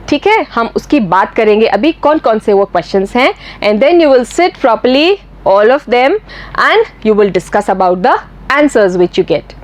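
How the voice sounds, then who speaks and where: A woman with an Indian English accent teaching a school lesson, explaining each point in English and repeating it in Hindi with questions to her pupils. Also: on the high side.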